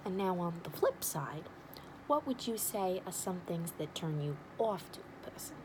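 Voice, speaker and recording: A woman's voice: fairly low pitch, sing-song, normal speed, noisy background. A woman playing a blunt, nosy, wisecracking matchmaker in an ASMR role-play, with an overdone regional accent and teasing sales patter. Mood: probing, encouraging.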